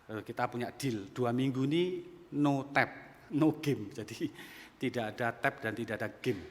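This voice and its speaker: Pastor in his 50s, sermon in a reverberant church; bright, forceful delivery with sudden loud peaks. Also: mid-range voice, a little hiss or hum. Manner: storytelling, swings from quiet asides to loud emphatic peaks. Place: church sanctuary.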